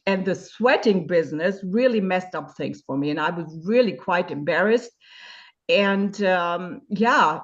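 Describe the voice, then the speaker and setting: This is a mid-range female voice with the highs cut off. The speaker, a German woman in her fifties, is a guest in a webinar interview, describing her experience frankly while hunting for words and using many fillers.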